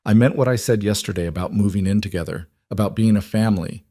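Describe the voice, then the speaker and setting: Storybook role: a man playing a weary, kind single dad, low voice, dry recording. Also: fast talker, warm tone, dry recording, natural voice. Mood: reassuring. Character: tired, kind working single father.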